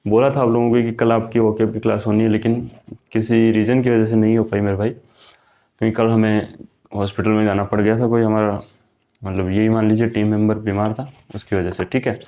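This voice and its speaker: A man's voice: on the low side, warm tone. A young man talks students through a vocabulary lesson for defence exams. He keeps it casual and chatty, often calling them brother and checking in with "okay" as he goes. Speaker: vocabulary teacher. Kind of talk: casual online exam-prep lesson.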